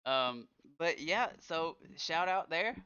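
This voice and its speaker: A man co-hosting a podcast in casual chat, encouraging and quick to give shout-outs. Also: on the high side, expressive, clean tone. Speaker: podcast co-host. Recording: dull lo-fi sound.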